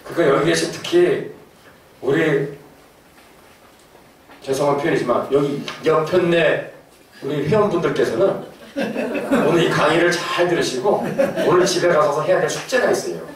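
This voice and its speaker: A middle-aged man giving a lively lecture to an audience, with laughing asides and questions to his listeners. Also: fairly high pitch, moderate pace, long pauses. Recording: echoey hall, from far off, faint noise.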